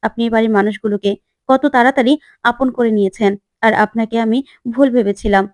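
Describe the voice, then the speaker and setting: A woman voicing an earnest young man in a retold TV serial, in her own voice with a slightly higher pitch. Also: steady tone, brisk, no room sound, clean studio sound, close to an everyday voice.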